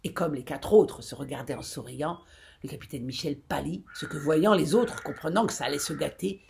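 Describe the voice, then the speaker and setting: A woman giving a hushed, deliberate literary reading of a fantastic tale. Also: deep voice, vocal fry, a little hiss or hum. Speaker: reader.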